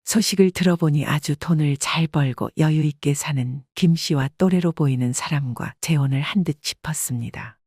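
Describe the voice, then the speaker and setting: A storyteller giving a measured, scripted audiobook narration in an even delivery. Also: medium pitch, slightly rough, no echo, studio quality.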